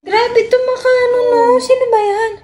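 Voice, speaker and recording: A woman's voice: very high-pitched, flat delivery, moderate pace. A woman answering commenters earnestly and defensively in couple banter, often laughing, recorded at home. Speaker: vlogger's partner.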